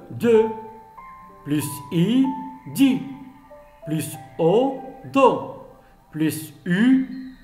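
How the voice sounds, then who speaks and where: Slow, echoey male reading teacher. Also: high voice. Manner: slow, repeats each word to be read aloud. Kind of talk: reading lesson.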